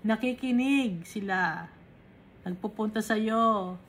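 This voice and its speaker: A woman's voice: mid-range voice, takes it slowly, slight background noise, rough recording. A woman teaching a Bible study sermon, reading verses in English and explaining them in mixed Tagalog and English, emphatic and rising sharply on key contrasts.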